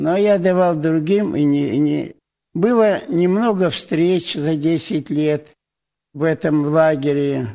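An elderly man in his eighties speaks slowly to a church congregation, his voice a touch higher than most men's. He falters often, stopping to restart his words. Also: dark tone. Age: 80s. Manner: halting, many restarts and hesitations. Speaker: presbyter. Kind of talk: testimony in church.

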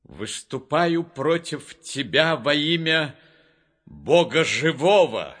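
A man's voice: fairly high pitch, a little slow, voice pushed up. A man voicing a young, earnest shepherd hero in a storybook reading, speaking with resolve. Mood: defiant.

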